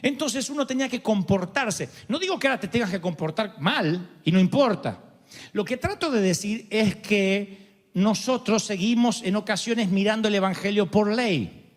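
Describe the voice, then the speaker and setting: A man with an Argentine accent preaching a sermon in an animated, joking storytelling way. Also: high-pitched, normal speed, big-room sound. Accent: Argentine Spanish. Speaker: pastor.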